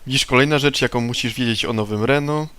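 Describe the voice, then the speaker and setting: A man's voice: mid-range voice, quick pace, a bit bright, clean tone, lightly acted. A man reading the lines of a wry, streetwise male informant from a video game, in his plain voice. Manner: reads game dialogue aloud plainly. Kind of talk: reading game dialogue aloud.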